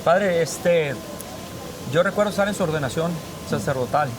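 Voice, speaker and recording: A man's voice: on the high side, moderate pace, background noise. A man hosting a casual interview, chatty and rambling, repeating himself as he talks. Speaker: host. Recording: music playing behind.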